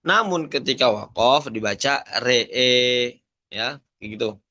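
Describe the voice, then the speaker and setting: A man's voice: fairly high pitch, lively intonation, a little slow, pushed and bright, muffled recording. A young man teaching an online lesson on variant Quranic readings, listing words and chanting short phrases. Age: young adult.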